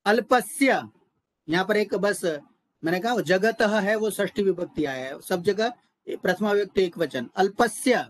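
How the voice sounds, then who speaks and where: Male lecturer, unhurried and methodical, dry close recording. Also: sits high, dry recording, poor audio. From India. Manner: slow, methodical, spells out words. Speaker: Sanskrit lecturer. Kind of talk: grammar lesson.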